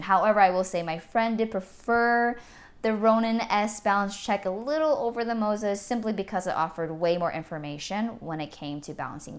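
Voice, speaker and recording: A woman videographer giving an upbeat, chatty product review in a vlog. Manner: upbeat and chatty, with lively jumps in pitch. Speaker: videographer reviewing camera gear.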